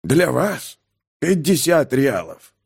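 Old shopkeeper, sly and terse, slow gravelly drawl , put on by a male audiobook narrator. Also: a little high, sing-song, darkish tone, pitched above the performer's own voice, full character voice. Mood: gruff.

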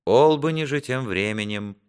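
A man calmly narrating a historical novel as an audiobook reader. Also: medium pitch, moderate pace, clean tone.

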